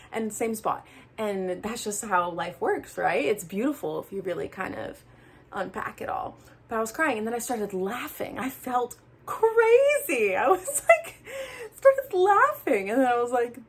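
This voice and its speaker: A young adult woman talking casually to camera like a friend, earnest and animated, sometimes dropping into soft asides. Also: on the high side, breathy edge. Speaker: vlogger giving breakup advice. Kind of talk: casual heart-to-heart chat to camera.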